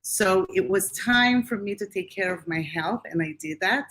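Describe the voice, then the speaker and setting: A woman's voice: medium pitch, moderate pace, a bit bright. A woman hosting a live-streamed interview show over a video call, effusive and given to repeating herself. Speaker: host.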